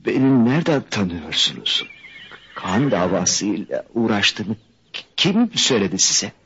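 A man's voice: fairly low pitch, big pitch swings, unhurried, fairly bright tone. An actor playing an anxious, remorseful young man haunted by a blood feud, speaking emotionally and sometimes in whispered inner thoughts. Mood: distraught confessing. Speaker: radio drama actor. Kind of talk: 1970s-style Turkish radio theatre acting. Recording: muffled archival radio recording with faint hiss.

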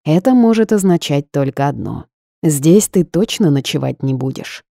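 A woman voicing a smug, seductive male boss who speaks calmly and commands. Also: low voice, moderate pace, vocal fry, no echo, clean studio sound.

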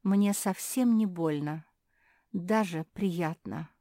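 A woman voicing a hurt female pug who speaks quietly and with strain in a children's storybook. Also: fairly low pitch, slow pace, no room sound, studio quality. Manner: quiet, strained whisper-groan.

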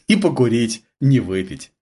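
A man's voice: medium pitch, sing-song, unhurried, a little mellow, husky. A man voicing a chatty, easygoing army ensign in an audiobook. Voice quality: chatty, jovial. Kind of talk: audiobook character voice.

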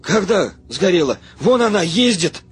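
A man voicing a loud, bewildered soldier. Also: high-pitched, big pitch swings, measured pace, slightly rough, dry recording, voice pushed up, full character voice. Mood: shouting. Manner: calling out loudly.

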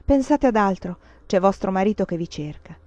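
A woman's voice: medium pitch, lively intonation, normal speed, warm tone, no room sound, natural voice. Brief: woman reading an ardent young man, urgent and protective, dry lo-fi storybook read. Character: passionate young male suitor, tender and jealous.

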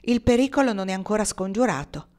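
A woman reading as a smooth, pompous older lawyer. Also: medium pitch, animated, darkish tone, natural voice. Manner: measured, formal storytelling delivery.

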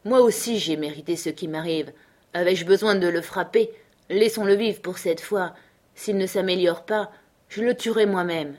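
A woman's voice: on the low side, moderate pace, a little mellow, lightly acted. Woman reading as a blunt frontier man. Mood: stubborn. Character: blunt male frontier dog handler. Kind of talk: audiobook reading.

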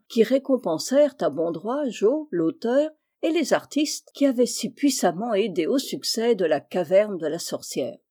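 A woman reading a classic novel aloud in a measured, unhurried way. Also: medium pitch, dark tone. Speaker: audiobook reader. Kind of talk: scripted narration.

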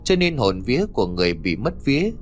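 Lively male ghost-story narrator. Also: mid-range voice, fast talker. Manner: dramatic storytelling. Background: faint music.

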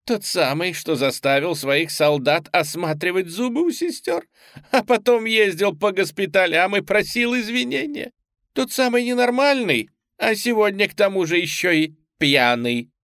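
Young female nurse with a Polish accent, shrill and defiant, read by a male narrator; high, lively voice. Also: moderate pace, no echo, clean studio sound. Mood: mocking. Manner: shrill, indignant.

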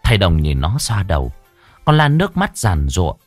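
A man's voice: low-pitched, huge pitch swings, moderate pace, no echo, soft background music. A man narrating a story expressively, in a dramatic and varied way. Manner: dramatic, varied delivery, voicing the characters.

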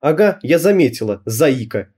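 A man's voice: medium pitch, very animated, moderate pace, dark tone, slightly rough. A man voicing a bold, bossy schoolgirl who mocks her friend, in an audiobook. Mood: teasing. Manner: mocking, bossy. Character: bold teasing schoolgirl, the narrator.

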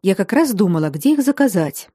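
A woman's voice: mid-range voice, sing-song, warm tone, slightly rough, dry recording, studio quality. A woman doing an anxious young noble lady. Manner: pleading, hurried.

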